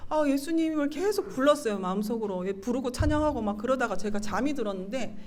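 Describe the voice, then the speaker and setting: A middle-aged woman giving an animated, emotional church testimony, acting out her own quoted words. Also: on the high side, quick pace. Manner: animated storytelling, acting out her own quoted lines, laughing and tearful at times.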